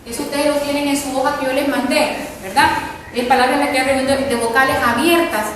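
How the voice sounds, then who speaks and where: A woman's voice: high-pitched, fairly even intonation, quick pace, fairly bright tone, slight background noise. A woman teacher giving a spelling lesson, repeating points and often checking in with the class. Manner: repetitive, checks with students using ¿verdad?. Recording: echoey room, mic far off.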